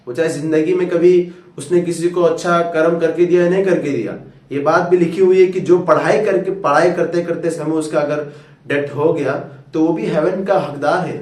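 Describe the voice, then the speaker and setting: A male tutor giving a coaxing, fatherly motivational talk to students, calling them "beta". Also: on the high side. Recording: roomy echo, far from mic.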